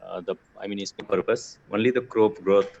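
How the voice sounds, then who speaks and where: A man with an Indian English accent asks his question over a glitchy, breaking-up web call. His voice is low and comes through muffled and lo-fi, with a faint hiss of noise underneath. He talks hesitantly, full of fillers and restarts. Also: fairly even intonation, moderate pace, vocal fry. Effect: glitchy, breaking-up online call audio. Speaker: caller asking a question. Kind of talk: halting question on an online webinar.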